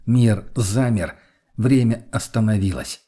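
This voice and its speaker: A man reading a first-person audiobook in a steady, matter-of-fact way, with a husky voice. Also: fairly low pitch, takes it slowly. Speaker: audiobook narrator.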